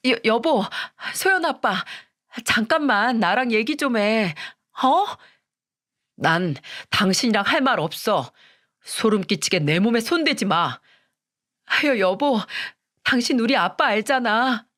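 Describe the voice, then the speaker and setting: A woman's voice: fairly high pitch, lively intonation, takes it slowly, fairly bright tone. A woman voicing a clingy young wife who whines and begs. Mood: pleading. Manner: whiny, begging.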